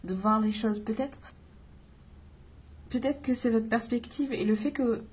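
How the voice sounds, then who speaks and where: A woman giving a casual spiritual card reading, chatty and rambling, reassuring her viewers and breaking off with giggles and soft whispers. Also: fairly high pitch, a little slow, husky. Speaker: oracle card reader.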